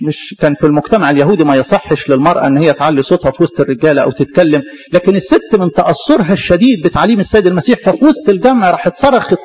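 A man's voice: high-pitched, a little mellow, muffled recording. A man with an Egyptian Arabic accent preaching a sermon as a priest, fervent and throwing rhetorical questions at the congregation.

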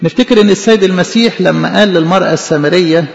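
A man with an Egyptian Arabic accent preaching a sermon in a church. He talks in an animated way, asking rhetorical questions and answering them himself. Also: high-pitched, racing, vocal fry. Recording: echoey hall, dull lo-fi sound.

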